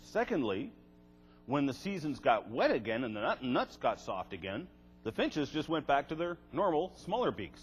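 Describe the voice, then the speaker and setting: A man's voice: medium pitch, very animated, normal speed. Wry older man lecturing in an echoey hall. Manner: wry, sarcastic asides. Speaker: creationist seminar speaker. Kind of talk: lecture to a live audience. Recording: echoey hall, faint music.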